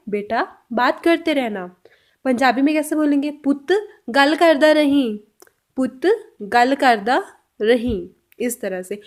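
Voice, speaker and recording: A woman teaching language phrases, saying each example slowly and clearly twice. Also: sits high, darkish tone.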